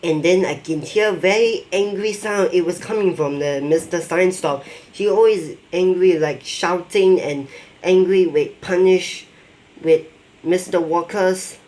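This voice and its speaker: A man telling a rambling mock-documentary story in halting, non-native phrasing, acting out quoted lines. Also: high voice, a little mellow. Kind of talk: improvised storytelling narration.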